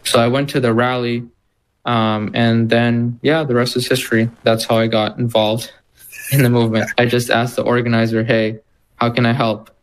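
A young man in his twenties gives casual interview answers in a level, even voice of middling pitch. He speaks loosely, with occasional "like" fillers. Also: moderate pace, poor audio. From Texas. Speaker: interview guest, activist.

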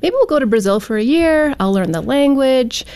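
A woman from Canada, a teacher and author, telling her story in a chatty, animated way. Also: sits high, moderate pace, clear, resonant tone. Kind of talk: interview storytelling.

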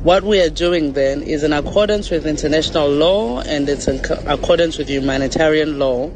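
A man, a writer and activist, gives a slow, measured statement with frequent pauses and fillers, recorded with background noise. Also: fairly high pitch. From South Africa.

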